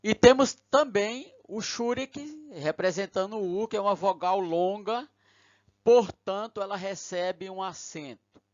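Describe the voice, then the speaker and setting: A man's voice: high voice, measured pace, no echo. A man, lecturing patiently step by step and often checking in with his listeners. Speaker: teacher. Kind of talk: recorded lecture. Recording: dull lo-fi recording.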